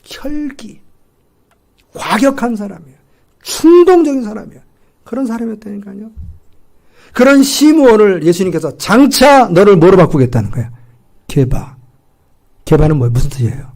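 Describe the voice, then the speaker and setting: A middle-aged man preaching a sermon as pastor, animated and full of rhetorical questions, acting out the dialogue he quotes. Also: high voice, normal speed, vocal fry, pauses often. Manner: acts out quoted dialogue in lively voices. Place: church sanctuary.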